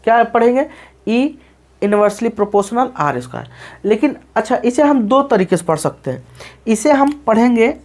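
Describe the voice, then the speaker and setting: Very animated, with a very high yet darkish voice at normal speed, a male physics teacher gives a classroom lecture explaining graphs. Repeating himself and answering his own questions, he often makes sure students follow, calling them "children" and checking "okay?" again and again.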